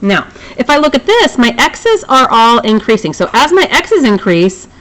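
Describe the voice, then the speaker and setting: A woman's voice: fairly high pitch, very animated, moderate pace, a bit bright, rough recording. Chatty math teacher woman. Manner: chatty, self-deprecating asides. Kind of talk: recorded classroom lesson.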